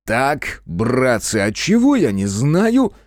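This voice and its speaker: A brash young guy booms out in a boisterous bass, as a male narrator puts him on. His lower voice swings in lively leaps of pitch, and the recording is dry and close. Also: moderate pace, no echo. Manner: booming, boisterous. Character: brash loud young man with booming bass.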